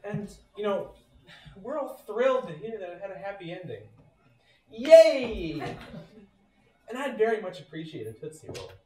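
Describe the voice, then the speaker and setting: A man playing a blustering police detective in a school stage comedy, with hammy, drawn-out tough talk. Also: high voice, sing-song, slight background noise. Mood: impatient. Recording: echoey room from far off.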